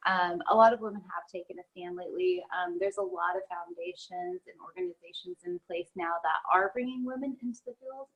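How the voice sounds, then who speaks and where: A woman's voice: fairly low pitch, low-quality recording. A woman guest in a casual interview, chatting with frequent ums and uhs. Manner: talks with many ums and uhs.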